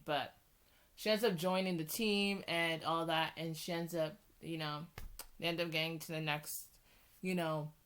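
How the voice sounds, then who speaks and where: A woman with a fairly low voice talks through her movie picks in a casual vlog. She rambles, restarts her sentences and hurries to get through the list. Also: a bit bright. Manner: rambling with many fillers and restarts; hurried talking. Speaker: vlogger.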